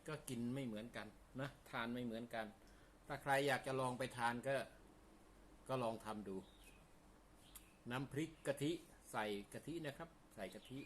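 A man's voice: medium pitch, normal speed, long pauses. A man from talks casually to viewers while eating, often with his mouth full, in a folksy, explanatory way. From Isan, northeastern Thailand. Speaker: food vlogger. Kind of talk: casual mealtime chat to viewers. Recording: clear background noise, birds chirping. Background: birdsong and ambient noise.

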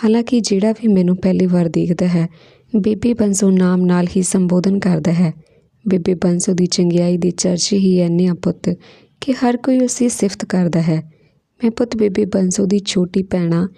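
A woman voicing an elderly village woman who speaks tenderly and soothingly, with a low, gravelly, dark voice. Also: normal speed, no room sound. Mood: gentle. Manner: tender, soothing, calls the listener son.

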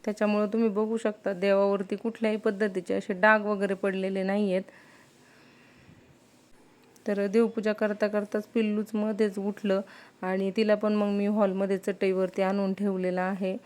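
A woman's voice: medium pitch, flat delivery, moderate pace, darkish tone. A woman vlogger and mother from Maharashtra, chatting casually as she explains her daily routine step by step. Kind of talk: casual home vlog narration.

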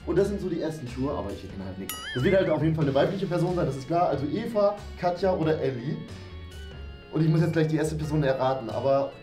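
Fast, expressive and mellow, with a voice on the high side, this twentysomething host and player talks casually through his game. Background music plays beneath the roomy echo of the small, decorated indoor room.

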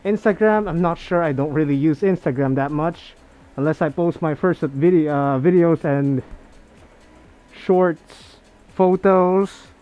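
A man's voice: a little high, unhurried. A young man, chatting casually in a vlog while talking from inside a fursuit head, repeating words as he goes. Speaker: vlogger. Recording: dull lo-fi audio with faint music.

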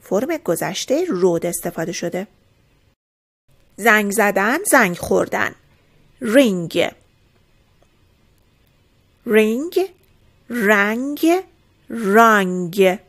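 A woman teaching English irregular verbs, saying each word and example sentence slowly and clearly, then explaining it calmly. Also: mid-range voice. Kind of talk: slow drilled vocabulary lesson.

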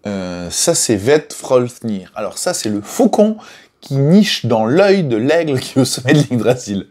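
Here a game publisher with a medium-pitched voice and measured delivery explains a board game's mythology like he's telling stories to friends. His manner is chatty and filler-heavy, and each fresh name gets a lively stress.

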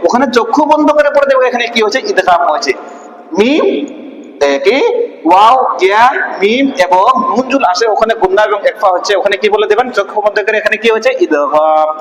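A male Quran recitation teacher with a Bangladeshi Bengali accent, drilling syllables slowly and asking and answering his own questions. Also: sits high. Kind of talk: Quran reading lesson. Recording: echoey room with long reverb.

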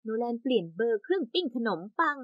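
A young woman narrating an animated story in the first person with lively, exaggerated storytelling. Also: fairly high pitch, quick pace, dry recording, lo-fi sound.

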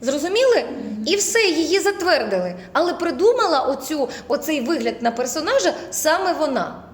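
A woman teaching a voice acting lecture, lively and demonstrative, who keeps slipping into other voices for examples. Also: high voice, brisk, reverberant, big-room sound.

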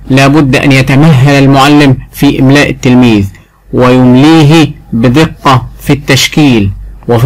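A man with an Egyptian Arabic accent teaching a phonics lesson to a child, stretching out syllables slowly and clearly. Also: on the high side, rough recording. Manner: drawn-out, exaggerated syllable sounding.

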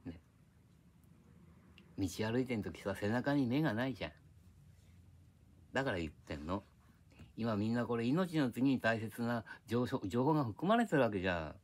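A man's voice: mid-range voice, lively intonation, moderate pace, pauses often, darkish tone. Older man rambling. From Japan. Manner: reminiscing, drifting between tangents, gruff casual speech. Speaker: vlogger. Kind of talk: rambling casual monologue. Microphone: iPad.

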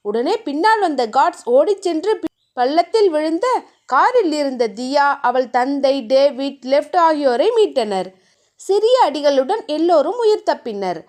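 A woman narrating a serialized romance novel in a steady storytelling manner. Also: sits high, unhurried.

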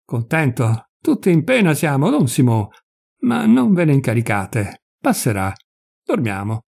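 A man voicing a fervent, pious male vagabond who swings between gentle pleading and furious outbursts. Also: mid-range voice, huge pitch swings, unhurried, vocal fry, slightly rough, heavily acted. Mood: calm.

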